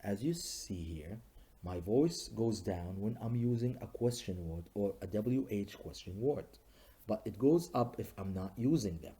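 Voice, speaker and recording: A male English teacher giving a recorded lesson to students, talking slowly and patiently and saying each example sentence several times. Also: on the low side, lively intonation, warm tone, husky. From Libya. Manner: slow, patient, models sentences by repeating them.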